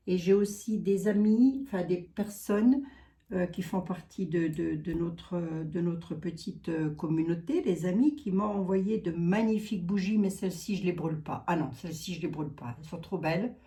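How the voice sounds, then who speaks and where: A woman's voice: fairly low pitch, moderate pace, mellow. A woman with a Lorraine accent, chatting casually and folksily with her viewers as a psychic card reader. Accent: Lorraine French. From Lorraine, eastern France. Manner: chatty, folksy, peppers talk with "hein".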